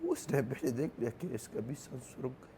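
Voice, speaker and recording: A young grieving man with a Pashto accent, a native Pashto speaker, recounting events in an interview in halting, broken phrases that repeat themselves. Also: mid-range voice, wildly swooping pitch, dark tone, slight background noise. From Khyber Pakhtunkhwa, Pakistan.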